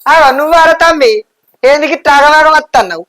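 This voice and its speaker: A woman plays a bossy older mother-in-law in a village comedy, speaking Telangana Telugu. She is blunt and quick-tongued, with a high voice and fast delivery. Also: animated.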